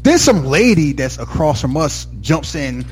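A man, married, telling a story in candid casual chat, animated and swearing freely. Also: on the high side, a little slow, soft background music.

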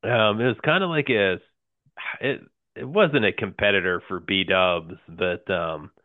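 A man co-hosting a casual podcast chat, rambling slowly with many pauses and fillers. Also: low voice, no echo. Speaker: podcast co-host. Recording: tinny phone-like sound, dry.

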